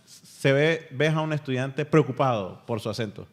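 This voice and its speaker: A man hosting a casual language-learning podcast, energetic and often laughing. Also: medium pitch, normal speed. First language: Spanish. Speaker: podcast host.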